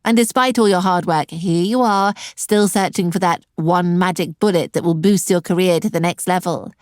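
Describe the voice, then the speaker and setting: A woman's voice: on the low side, moderate pace, darkish tone, no echo. A middle-aged woman hosting an online career webinar, talking directly to her viewers with a dry, sarcastic edge. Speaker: webinar host and career coach.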